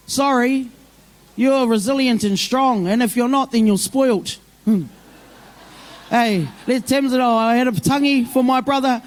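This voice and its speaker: A middle-aged New Zealand woman with a broad accent and a slightly high voice speaks off the cuff to a community gathering, and the recording quality is low. Plain-spoken and motherly, she calls her listeners by endearments and mixes Māori phrases into her English.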